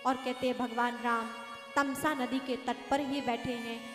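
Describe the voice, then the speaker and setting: A woman's voice: a little high, level tone, measured pace. A woman preacher telling a devotional story in an emotive, declamatory way, recorded in a large hall with faint music.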